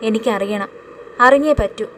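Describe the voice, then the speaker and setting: A woman's voice: a little high, normal speed, fairly bright tone, a little hiss or hum, natural voice. A woman reading a scared but insistent young man. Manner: urgent, questioning.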